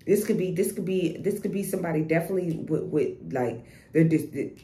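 Woman tarot reader, blunt and profane, lowish mellow voice, echoey room. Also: a little fast. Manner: blunt, profane, repeats herself and restarts. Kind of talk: casual tarot reading monologue. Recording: echoey room with faint noise.

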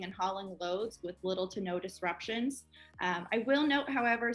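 A woman's voice: mid-range voice, a bit bright. A woman in her twenties, a guest on a company interview, explaining eagerly over a video call. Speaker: project manager guest.

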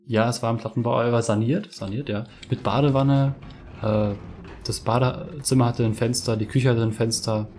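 Over slight background noise, this gaming streamer talks at normal speed with a medium pitch, fairly even intonation and a darkish tone. He's in his twenties, from Mecklenburg-Vorpommern in northeastern Germany, and uses a headset in his webcam-equipped home room for a chatty, rant-filled let's play full of cursing.

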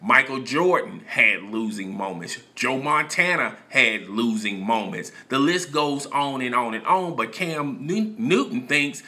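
A man's voice: medium pitch, lively intonation, a little slow, hardly any pauses, bright, forceful tone. A man giving opinionated, lecturing commentary in a casual voice-over.

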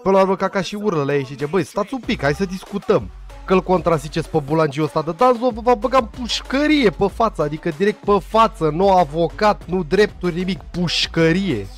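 A young man recaps an anime episode in a loose, joking way, heavy on slang and side comments. His voice sits a bit high and swings around a lot. Faint music plays behind him. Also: expressive. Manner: slangy, joking, puts on quick voices for characters. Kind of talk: casual comedic recap narration.

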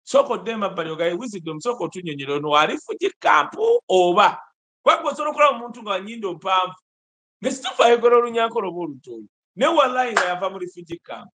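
A Ugandan man in his forties giving emphatic, animated political commentary over a video call from an indoor room. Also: sits high, racing. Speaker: host. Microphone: video call webcam.

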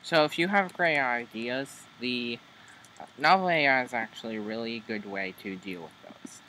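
Bright-voiced man hesitantly commenting. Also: mid-range voice, normal speed, slight background noise, poor audio. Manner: hesitant, many ums. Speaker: video host demoing story software. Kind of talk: casual commentary.

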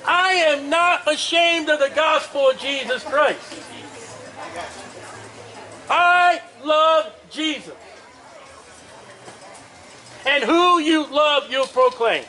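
A street preacher delivers amplified open-air preaching at a busy street festival, his very high-pitched voice pushed through a portable speaker. He is loud and emphatic, hammering out drawn-out phrases over a faint crowd. The recording is distant, with ambient outdoor noise.

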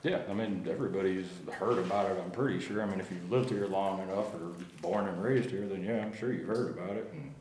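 A man's voice: low voice, fast talker, hardly any pauses, a little mellow. A middle-aged man from St. Louis, explaining a cave site in a plain, matter-of-fact way, recorded by a camera mic. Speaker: cave site worker and guide. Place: large underground cave, echoing. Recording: echoey cave with faint noise.

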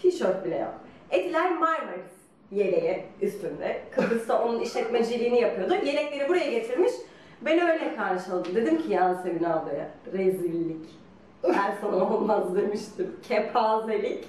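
A woman telling a story in a lively, teasing way, laughing often as she talks. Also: medium pitch, fairly quick, a little hiss or hum. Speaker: guest telling her couple's story. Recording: roomy echo from a distance.

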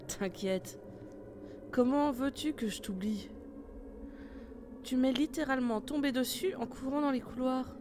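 A woman's voice: sits high, takes it slowly, long pauses, background noise. A woman playing a tough squad leader. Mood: steady. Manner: commanding, curt orders. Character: tough female squad leader on a monster hunt. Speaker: team leader. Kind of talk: amateur horror audio drama.

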